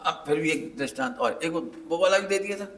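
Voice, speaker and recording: A man's voice: fairly high pitch, brisk. A middle-aged man giving a sermon to an audience, telling homely stories and acting out the voices in them, often asking the listeners questions. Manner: animated storytelling, acts out quoted voices, asks the audience questions. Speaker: Jain scripture teacher.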